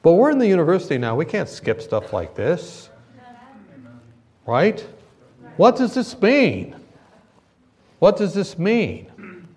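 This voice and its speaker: A man's voice: sits high, big pitch swings, takes it slowly, long pauses, a little mellow. A middle-aged man preaching a humorous sermon at a university gathering. He teases his listeners, laughs through his own stories, and gets the crowd to answer his questions.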